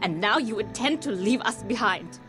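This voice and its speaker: Woman playing an indignant, animated female survivor. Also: medium pitch, moderate pace, music in the background, natural voice. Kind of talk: video game voice acting.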